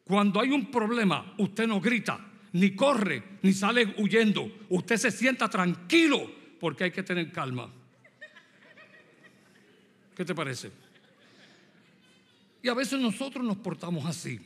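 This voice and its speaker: He is a Puerto Rican man in his sixties, from Puerto Rico, delivering a sermon in a high-pitched, very animated voice that is fairly bright with a breathy edge. His pace is a little slow with long pauses as he shares a youthful story and asks the congregation direct questions in a Puerto Rican Spanish accent. A long hall reverb colors the recording.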